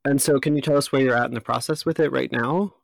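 A man hosting a podcast, who introduces his guests and asks them measured, curious questions. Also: medium pitch, steady tone, vocal fry. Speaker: podcast host. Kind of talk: podcast interview.

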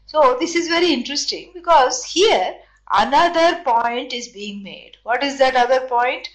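A woman with an Indian accent teaching scripture in a deliberate, explanatory way, posing questions and then answering them. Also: high voice, expressive. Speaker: spiritual teacher. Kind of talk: scripture lesson with chanted verses and explanation.

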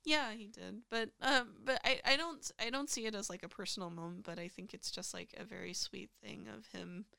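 A woman's voice: medium pitch, moderate pace, creaky, hardly any pauses, sharp tone, no room sound, studio quality. A woman co-hosting a casual chat, speaking hesitantly and thoughtfully with many fillers. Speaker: podcast co-host. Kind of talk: casual fan discussion.

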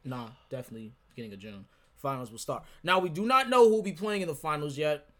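Slangy frat-bro young man, fairly high voice. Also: lively intonation, quick pace, fairly bright tone. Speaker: sports podcast host. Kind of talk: casual sports discussion.

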